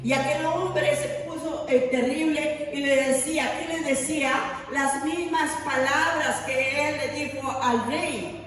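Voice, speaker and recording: A woman's voice: high-pitched, steady tone, measured pace. A woman delivering a sermon from a distance in a big reverberant church hall, with a faint hiss underneath. She tells stories, voices the people in them and asks the congregation questions. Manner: storytelling, acting out quoted voices, rhetorical questions. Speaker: preacher. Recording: echoey hall, voice from afar, faint noise.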